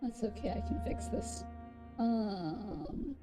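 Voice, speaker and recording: A woman's voice: medium pitch, sing-song, slow pace, music in the background. A woman live streamer chatting casually while gaming and reading out viewer comments.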